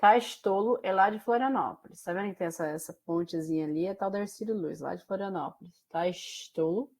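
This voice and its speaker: Her Brazilian Portuguese accent, touched by São Paulo caipira speech, marks this teacher from Mato Grosso do Sul as she chats through a class lecture, peppering it with fillers and questions for her students. She talks quickly, at a medium pitch, with a slightly mellow tone.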